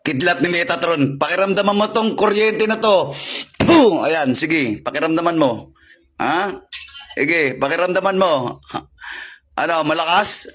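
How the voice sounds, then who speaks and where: A man's voice: on the high side, expressive, a little slow, pauses often, fairly bright tone. A man working as a faith healer on a live stream, issuing repetitive commands and interrogating a spirit. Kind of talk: live-streamed healing and exorcism.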